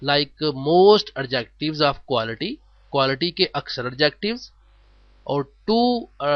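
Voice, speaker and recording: A man gives a grammar lesson in a fairly high voice, stretching each English example out slowly. The sound is dry and close, with no room around it. The recording is dull and lo-fi. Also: no echo. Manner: explains in Urdu with slow, drawn-out English phrases. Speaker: grammar teacher. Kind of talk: classroom-style lesson.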